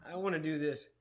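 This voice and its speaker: A man in his forties co-hosting a casual live-streamed cooking show from his home kitchen, relaxed and chatty, reading out viewer comments. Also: a little high, background noise.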